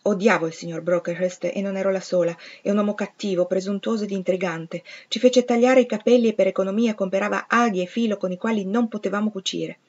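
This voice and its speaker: A woman reading a classic novel aloud in the first person, with steady, measured narration. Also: mid-range voice. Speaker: audiobook reader. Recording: slightly dull lo-fi recording.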